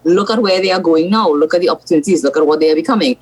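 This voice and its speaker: A woman from South Trinidad with a Trinidadian accent, a senator appearing as a guest on a political talk show, gives blunt, frank opinions. Her voice is on the low side with a darkish tone, she speaks at a racing pace, and the recording is low quality.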